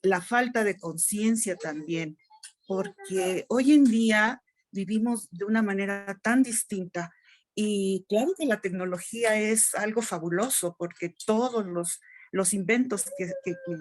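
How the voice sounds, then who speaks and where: A middle-aged woman with a strong, loud voice, talking emphatically in a group discussion among teachers. Her pitch sits in an ordinary middle range for a woman. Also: measured pace. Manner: loud, emphatic speaker who calls her own voice strong. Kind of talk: participant in a teacher training discussion.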